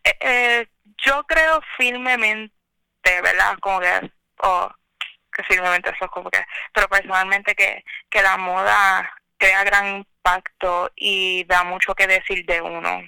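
A young woman with a very bright, crisp voice chats casually in Spanglish over a phone line. Her pitch stays fairly even as she slips English words into her Spanish. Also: unhurried, no echo. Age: young adult. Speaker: podcast guest. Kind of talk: casual chat.

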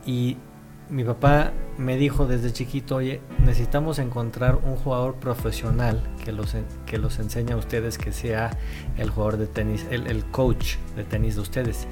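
A man's voice: mid-range voice, moderate pace, over music. Man from Israel telling stories. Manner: animated storytelling with many fillers. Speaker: guest author. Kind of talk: casual interview talk.

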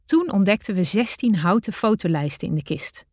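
A woman reads her own adventure story in the first person, measured and deliberate. Her mid-range voice is expressive, and there's no echo.

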